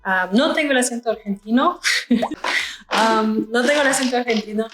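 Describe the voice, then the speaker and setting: Young woman from Canada, relaxed get-ready-with-me chatter, filler-heavy, echoey room with soft music. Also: a little high, moderate pace. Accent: France-style French learned in Canada. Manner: chatty, musing aloud with many fillers. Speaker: beauty vlogger. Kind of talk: casual get-ready-with-me chat.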